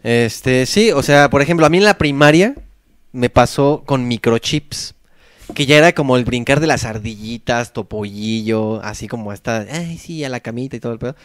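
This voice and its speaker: A man's voice: medium pitch, moderate pace, smooth, dry recording. A man with a Mexican accent tells rambling, slang-filled stories in a casual podcast chat.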